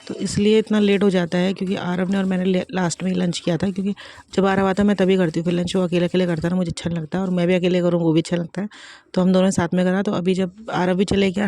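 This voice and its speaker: A woman in her thirties with two kids vlogs her day at home, chatting and repeating herself as she works through chores in the kitchen and rooms. She has a warm voice on the low side.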